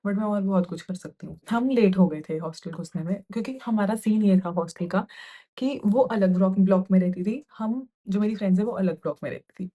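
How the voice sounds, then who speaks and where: A woman's voice: mid-range voice, warm tone, muffled recording. A young woman from India telling a hostel story to camera in casual Hindi, heated and indignant, slipping in English phrases. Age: young adult.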